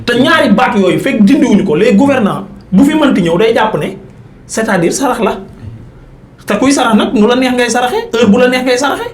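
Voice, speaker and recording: A Senegalese man appears as a political commentator on a talk show, arguing emphatically and insistently while mixing Wolof and French. His voice is extremely high-pitched with lively intonation, brisk, and reverberant.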